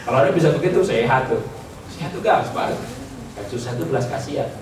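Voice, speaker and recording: A man's voice: medium pitch, animated, fast talker, a crowd in the background. A man preaching a sermon at a church retreat, humorous and teasing, laughing often with the congregation. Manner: acts out people's prayers in mocking voices. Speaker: pastor. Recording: echoey hall, mic at a distance, background noise.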